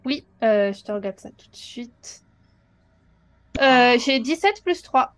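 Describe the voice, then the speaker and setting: A woman's voice: fairly high pitch, animated, slow pace, dry recording. A woman chatting casually as a player in a role-playing game, speaking a little hesitantly.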